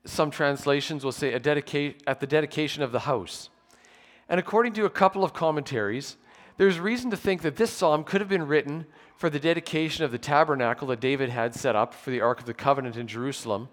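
Man in his 40s, pastor at a pulpit mic, slightly high voice, measured sermon delivery with dry humour, long church reverb. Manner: measured, explanatory preaching with occasional dry humour. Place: church sanctuary with pews.

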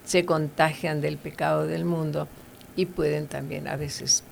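A woman's voice: low-pitched, little pitch movement, unhurried, creaky, a little hiss or hum. A woman giving earnest, conversational Bible teaching, with fillers and tag questions.

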